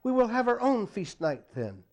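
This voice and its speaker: A man voicing an excitable, earnest, playful young boy in a read-aloud story. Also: very high-pitched, moderate pace, muffled recording, voice pushed up, full character voice. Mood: eager, playful.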